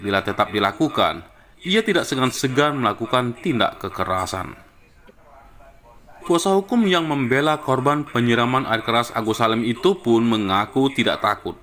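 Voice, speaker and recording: A man narrating a news report in an even, formal reading. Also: medium pitch, normal speed.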